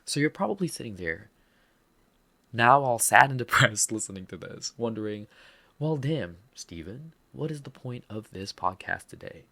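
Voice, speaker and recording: A podcast host with a Filipino accent talks candidly and earnestly about a personal setback in a reflective monologue, with some self-deprecating humor. His medium-pitched voice is sing-song and sharp, with vocal fry, at a moderate pace.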